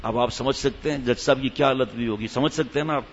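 A man's voice: medium pitch, a little hiss or hum. A man telling a humorous story to an audience in a jokey way and asking them rhetorical questions, heard in an echoey hall with a slightly dull sound.

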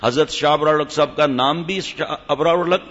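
A man's voice: on the high side, fairly bright tone, muffled recording. Scolding man preaching in a reverberant hall. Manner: scolding, emphatic, with slow recited Arabic verses. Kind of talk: sermon.

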